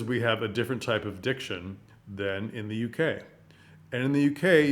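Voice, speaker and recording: A man talks straight to camera in a casual vlog, speaking into a microphone. His delivery is emphatic and expressive, and he leans hard on key words. His pitch sits in an ordinary middle range for a man. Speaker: vlogger and performing arts commentator.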